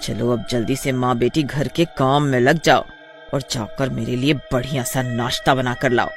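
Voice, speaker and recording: A man voicing a cruel, bossy witch daughter-in-law in a cartoon story, shouting threats and orders. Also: medium pitch, fairly even intonation, normal speed, creaky, soft background music, close to an everyday voice. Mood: scolding, menacing. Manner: loud, scolding, threatening.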